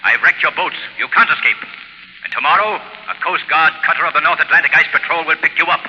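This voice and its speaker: An American actor playing a menacing, commanding, mocking crime-fighting avenger in a theatrical 1930s radio drama style. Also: male voice, fairly high pitch, dull audio, lightly acted. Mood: triumphant. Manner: theatrical, commanding, drawn-out sinister laughs. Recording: scratchy reverberant 1930s radio recording.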